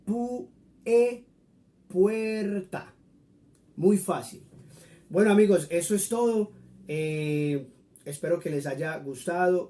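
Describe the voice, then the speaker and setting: A man's voice: fairly high pitch, dark tone. A man teaching a friendly Spanish lesson, patiently explaining and repeating example words for his viewers.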